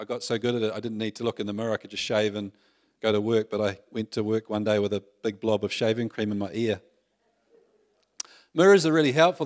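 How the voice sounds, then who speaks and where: A middle-aged man delivers a relaxed, conversational sermon in a medium-pitched voice. He keeps asking the congregation rhetorical questions and pokes fun at himself along the way. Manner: self-deprecating humor. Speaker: pastor.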